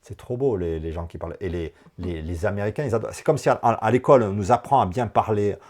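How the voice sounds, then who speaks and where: A man coaching a woman through a personal session, animated and encouraging, talking in quick bursts. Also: on the low side. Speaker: enneagram coach.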